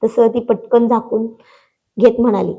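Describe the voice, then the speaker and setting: A woman narrating a romantic audio story in a gentle, expressive storytelling manner. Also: fairly high pitch, normal speed, narrow, tinny audio. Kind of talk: scripted narration.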